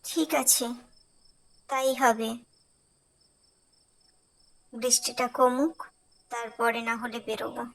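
Cartoon heroine, young village woman: high, slow, anxious. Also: steady tone, creaky, a bit bright, heavily acted, rough recording. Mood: calm. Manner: anxious, breathless questioning. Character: young village woman, tired and easily frightened. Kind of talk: cartoon voice acting.

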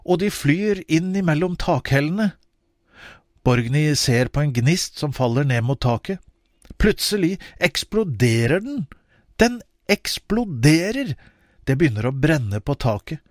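A man narrating a children's audiobook expressively, with wide swings in pitch. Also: no echo, studio quality.

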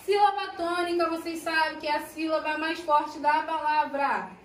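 A woman teacher explaining a lesson to her pupils, drawing out key words slowly and checking in with "né?" and "ó". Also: high-pitched, steady tone, a little hiss or hum. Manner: slow, drawn-out explanations with frequent "né?" and "ó". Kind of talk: recorded class lesson. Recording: echoey room, voice from a distance.

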